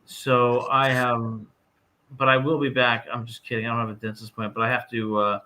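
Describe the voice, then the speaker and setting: A man's voice: mid-range voice, flat delivery, fairly quick, sharp tone, poor audio. A man in his fifties from New Jersey, giving blunt, emphatic opinions in a casual sports chat. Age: 50s.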